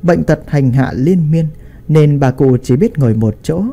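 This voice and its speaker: A man narrating a family story in an expressive storytelling style. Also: a little high, measured pace, vocal fry.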